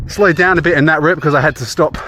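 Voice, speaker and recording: Higher-voiced Australian man, noisy outdoor vlog. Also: fast. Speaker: running vlogger. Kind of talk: casual vlog talk. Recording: clear outdoor background noise.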